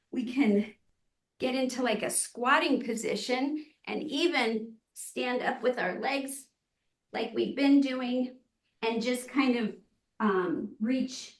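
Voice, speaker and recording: Woman, fitness class host, gentle and easygoing stretch instruction, distant mic, strong room echo. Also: fairly high pitch. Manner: gentle, encouraging, easygoing guidance. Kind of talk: casual guided stretching instruction. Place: indoor room, live online exercise session. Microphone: camera microphone at a distance. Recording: echoey room, distant microphone.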